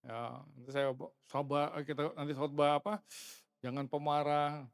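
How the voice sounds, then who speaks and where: A man's voice: a little high, little pitch movement, normal speed, clear, resonant tone, dry recording. Middle-aged male pastor, conversational sermon delivery, resonant tone, dry close sound. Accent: Indonesian. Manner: conversational preaching, addresses listeners as brothers, chuckles. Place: church sanctuary.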